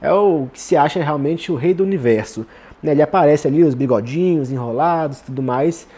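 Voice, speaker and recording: A man's voice: on the high side, brisk, warm tone, slightly rough. A man with a Brazilian Portuguese accent giving casual literary commentary, tagging nearly every phrase with "né".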